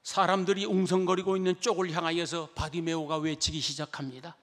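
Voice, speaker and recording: A male pastor preaching a dramatic sermon, swinging between soft storytelling and loud exhortation. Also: on the high side, level tone, brisk. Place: church sanctuary. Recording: long church reverb.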